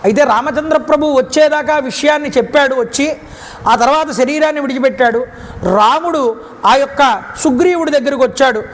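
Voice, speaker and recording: A man's voice: extremely high pitch, brisk. A man with a Telugu accent giving a devotional discourse that retells an epic story, acting out the characters' words as he goes. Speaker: Ramayana discourse speaker. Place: temple grounds. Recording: reverberant hall, faint background noise.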